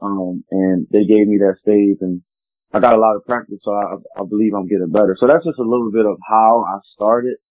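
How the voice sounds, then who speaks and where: A man's voice: on the low side, steady tone, brisk, no room sound. A man telling his personal story as an interview guest, in an earnest, meandering, reflective way. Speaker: guest, spoken word poet. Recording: tinny phone-like line, dry.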